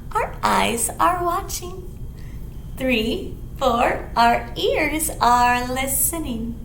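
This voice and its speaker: Reading aloud with songs and rhymes, a children's librarian runs storytime in a very high, slightly bright sing-song voice, pitch swooping widely as she takes her time with simple phrasing for little ones. The space sounds echoey, and background noise comes through clearly.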